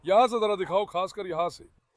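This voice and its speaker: A man's voice: high voice, normal speed, very noisy. A man talking casually to his dogs and viewers on his farm, coaxing and scolding them and calling them son.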